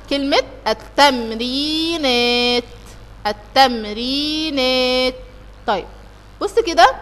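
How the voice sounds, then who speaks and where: A woman teacher with an Egyptian Arabic accent leads children through an exam review. She works step by step, asks questions and answers them herself, and recites verses slowly. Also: high-pitched, pushed and bright, in a large hall. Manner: recites verses in a slow, drawn-out way.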